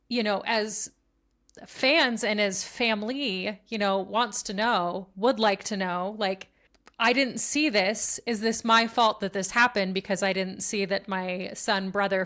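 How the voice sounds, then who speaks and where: Woman, podcast co-host, earnest, bright forceful voice. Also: mid-range voice, steady tone, a little slow. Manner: earnest, reasoning aloud. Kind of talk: casual podcast chat.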